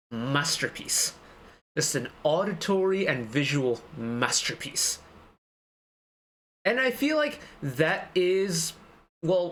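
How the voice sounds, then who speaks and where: A man's voice: high voice, a bit bright. A man hosting a music reaction channel, rambling enthusiastically in casual commentary and speeding through his friendly sign-off.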